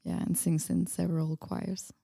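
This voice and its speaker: An Austrian woman talks in a low, creaky register with a level, mellow tone at a moderate pace, sounding like a musician in a casual interview. She is informal and a bit hesitant, and laughs easily. The recording is close and dry, with no echo.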